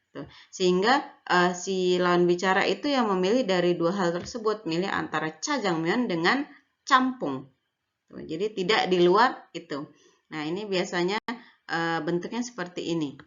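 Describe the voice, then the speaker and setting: A woman's voice: fairly low pitch, normal speed, a bit bright. A young woman lecturer giving a recorded online lesson, explaining in a casual way with frequent fillers and tag words. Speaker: university lecturer. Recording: dull lo-fi audio.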